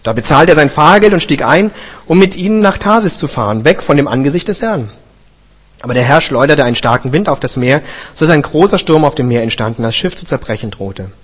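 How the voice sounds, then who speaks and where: A man with a slightly raised voice reads scripture aloud at an even, measured pace. He now and then stumbles and corrects himself, keeping the telling steady. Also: a little high, big-room sound. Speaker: scripture reader. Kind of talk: Bible reading.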